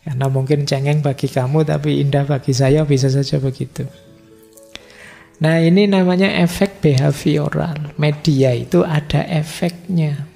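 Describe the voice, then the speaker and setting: A middle-aged male lecturer teaches in an easygoing, conversational way. His voice sits a little high for a man, with a dark, gravelly texture. The sound is a long-reverb hall recording with faint music underneath. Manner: relaxed, conversational teaching with everyday examples. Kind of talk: philosophy lecture.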